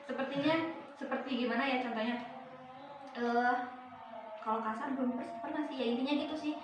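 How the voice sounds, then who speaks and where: A woman's voice: high-pitched, fairly even intonation, brisk. A young woman chatting casually in a question game among friends, rambling and searching for her words. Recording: echoey room, far from mic, ambient noise.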